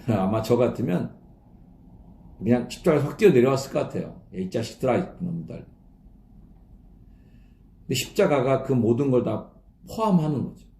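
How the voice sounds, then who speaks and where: Male pastor, gravelly and mellow, lively conversational sermon, echoey church room. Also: medium pitch, a little fast, slight background noise. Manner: conversational, acting out mocking voices.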